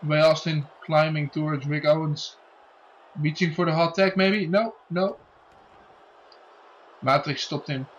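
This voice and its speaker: A man's voice: a little high, steady tone, unhurried, pauses often, highs cut off. A male wrestling commentator with a voice a bit above average. He makes dramatic calls and stretches out key phrases, with faint noise in the background.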